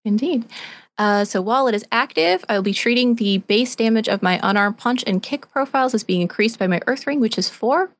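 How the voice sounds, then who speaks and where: A woman's voice: on the high side, fairly quick, dry recording. A woman playing in a tabletop role-playing session, explaining rules and dice results step by step. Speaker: player.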